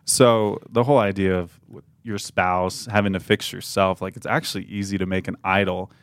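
A man with a fairly low voice leads a casual faith podcast conversation. He speaks reflectively, with emphatic turns. The sound is close and dry, with no room around it. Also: little pitch movement, moderate pace, no room sound. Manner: reflective, emphatic, quotes imagined speech. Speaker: podcast host.

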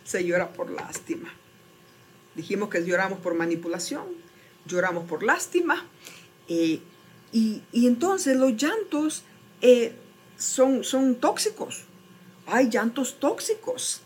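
A woman giving an animated motivational talk to an audience, asking rhetorical questions and often restarting her sentences. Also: a little high, slow, pauses often, a little hiss or hum.

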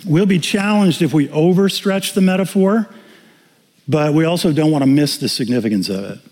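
Pastor, male, 60s. Animated storyteller, reverberant sanctuary sound. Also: fairly high pitch, normal speed. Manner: animated storytelling, acting out dialogue with humor. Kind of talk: sermon with personal story. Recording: reverberant hall.

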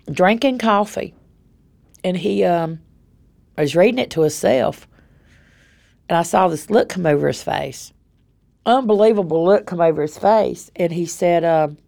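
A woman from North Carolina with a Southern US accent tells her own story in a plain-spoken, conversational way. Her voice is fairly low, gravelly, and dark.

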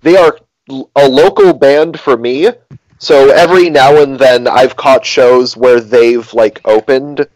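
A man co-hosts a music podcast over a video call. He talks quickly and jokes around, and his mid-range voice sounds dry and close to the mic. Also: medium pitch, fairly even intonation, darkish tone, dry recording, rough recording. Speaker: podcast co-host. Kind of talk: casual chat on a video call.

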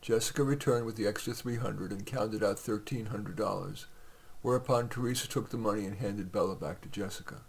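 A man's voice: lowish voice, fairly quick, creaky, hardly any pauses, breathy edge. A man reading his own short stories aloud on a podcast, in a conversational way with occasional fillers.

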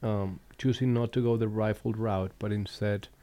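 A man from Colombia hosting a relaxed conversation, speaking reflectively with frequent pauses and restarts. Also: on the low side, dry recording. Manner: reflective, unhurried, with fillers and restarts. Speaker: podcast host. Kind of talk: casual conversation.

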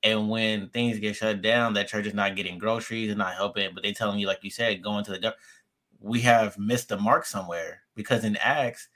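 A man's voice: fairly low pitch, steady tone, bright, forceful tone. A man hosting a casual faith discussion, affirming and conversational. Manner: affirming, conversational, quick to agree.

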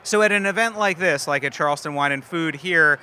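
Male interviewer, bright, slightly raised pitch, curious, chatty follow-ups. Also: brisk, a little hiss or hum. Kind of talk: casual interview. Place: busy food festival, indoors.

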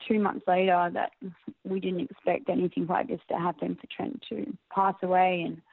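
Reflective woman, low and gravelly. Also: flat delivery, moderate pace, no echo. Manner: soft, reflective, laughs often. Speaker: interviewee. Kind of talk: personal interview. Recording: tinny phone-like audio, faint music.

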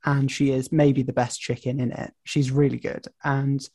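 A man's voice: mid-range voice, flat delivery, normal speed, mellow, husky, no echo, clean studio sound. A man hosting a casual film podcast, chatting and musing with frequent restarts.

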